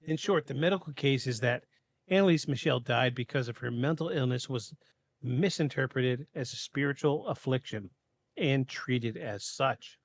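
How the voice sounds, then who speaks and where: Dry, measured man narrating a podcast. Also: medium pitch, no room sound. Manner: reads a prepared script in a measured way, with stumbles and asides. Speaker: podcast host. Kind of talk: scripted narration of a paranormal case.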